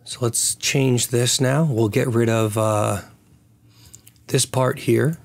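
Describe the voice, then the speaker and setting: A man with a raspy, hoarse voice recovering from losing it, hosting a casual programming tutorial and thinking aloud as he works. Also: mid-range voice, steady tone, takes it slowly. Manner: thinks aloud while working. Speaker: tutorial host.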